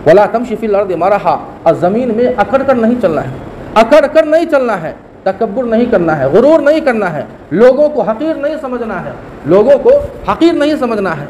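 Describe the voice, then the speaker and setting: A man preaching a Friday sermon, emphatic, repeating key phrases and reciting Arabic verses quickly. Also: high-pitched, darkish tone, slight background noise. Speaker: mufti preacher.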